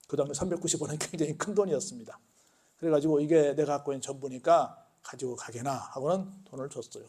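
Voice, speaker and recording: A male pastor delivers a sermon in a church, posing questions for the congregation to answer. His voice is high for a man, and he tells stories in a lively way. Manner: call-and-response questions, animated storytelling. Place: church sanctuary.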